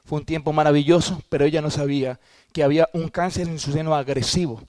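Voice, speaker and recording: A man preaches from the pulpit, his voice sitting a touch high for a man. He tells his testimony earnestly and stumbles over restarts now and then. The sound is close and dry, with no room behind it. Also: steady tone, a little mellow, dry recording. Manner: earnest storytelling, with halting restarts. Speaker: pastor. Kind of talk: sermon testimony.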